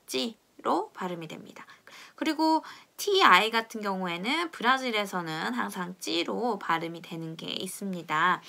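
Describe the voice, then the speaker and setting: A young woman teaching pronunciation in a friendly video lesson, explaining patiently and drilling sounds slowly for viewers to repeat. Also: mid-range voice, vocal fry, bright, forceful tone. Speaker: language teacher.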